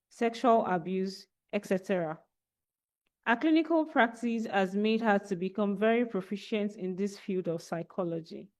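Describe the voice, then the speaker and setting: A woman with a Nigerian accent, a barrister, reading a guest speaker's biography aloud in a steady, formal manner on a video call mic. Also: mid-range voice.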